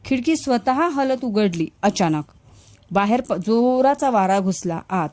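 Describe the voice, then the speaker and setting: A woman's voice: a little high, animated, unhurried, darkish tone. Woman narrating a suspense story.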